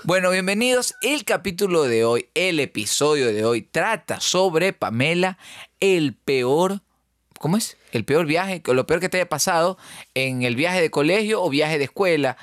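A man's voice: a little high, lively intonation, a little slow, fairly bright tone, no echo, studio quality. A man, co-hosting a podcast in loose, joking talk that swears freely and often breaks off to restart. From Ecuador. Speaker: podcast co-host. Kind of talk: casual podcast chat.

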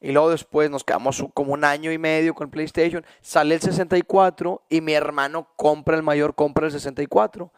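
A young man with a Mexican Spanish accent hosting a casual podcast, telling animated stories and acting out quotes. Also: fairly high pitch, a little fast, hardly any pauses, clean tone, no room sound, clean studio sound. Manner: animated storyteller, acts out quotes in raised voices. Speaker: podcast host.

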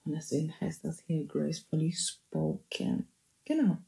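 A young woman in her twenties talks through her podcast with a low, gravelly voice that has a mellow warmth to it. She is chatty and playful, slips into English phrases and drops in amens, and the room around her sounds echoey. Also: lively intonation, unhurried. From Germany (Bavaria). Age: 20s. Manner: praise interjections like amen and hallelujah. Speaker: podcast host. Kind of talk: casual solo podcast talk.

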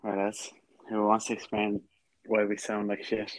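A man's voice: on the low side, monotone, moderate pace, no room sound, rough recording. A young man co-hosting a podcast, joking and rambling with friends. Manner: joking, rambling, self-mocking. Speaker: podcast co-host. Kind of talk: casual chat.

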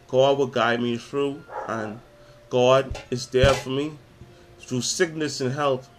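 A man in his twenties with a Bahamian accent, hosting his own podcast, talking about faith and reciting spoken word poetry with dramatic intensity. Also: mid-range voice. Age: 20s. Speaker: podcast host.

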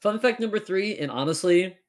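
A man's voice: high voice, lively intonation, a little fast. A young man hosting a casual chat, rambling with lots of fillers. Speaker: podcast host.

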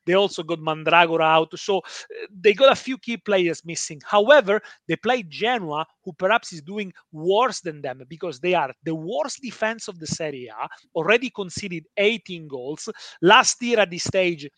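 An energetic man talks through football betting picks as the resident expert, restarting his sentences as he goes. His voice is high and bright with a forceful edge. The recording is dry and close. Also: normal speed, no room sound. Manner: energetic, talkative, restarts often. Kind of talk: expert analysis in casual chat.

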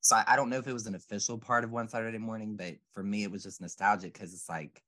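A man's voice: fairly low pitch, steady tone, fast, fairly bright tone. A man in casual chat, talking things over in a rambling, reflective way with many fillers.

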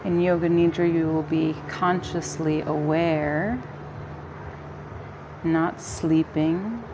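Slow, low-pitched woman guiding meditation. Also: dull audio, background noise. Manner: calm, soothing, gentle delivery with long pauses. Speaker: yoga nidra guide. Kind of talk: guided relaxation meditation.

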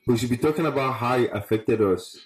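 A man's voice: medium pitch, fairly quick. A man talking casually and reflectively, making earnest points with emphatic repetition. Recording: roomy, echoey sound.

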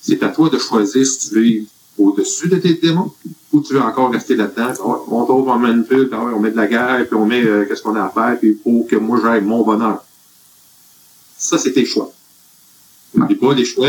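A man's voice: mid-range voice, a little fast, a little mellow, low-quality recording. A man with a Quebec French accent, earnestly giving rambling life advice in a casual group chat. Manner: earnest, rambling with many fillers.

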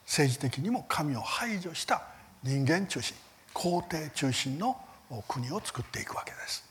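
Male Bible teacher, church seminar lecture; earnest, emphatic, with rhetorical questions and a very animated, rising and falling pitch. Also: unhurried. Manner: lively rises in pitch on key words, soft fading line ends.

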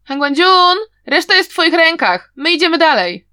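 A woman's voice: high voice, very animated, brisk, dry recording, pitched above the performer's own voice. A woman doing a playful, clever young man. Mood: shouting. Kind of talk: audiobook reading.

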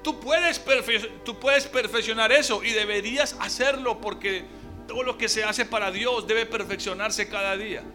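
Guy preaching a sermon, pretty high voice, super bright and sharp, leans hard on the big words. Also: normal speed, soft background music. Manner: emphatic, stretches key words, rhetorical questions. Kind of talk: sermon to a congregation.

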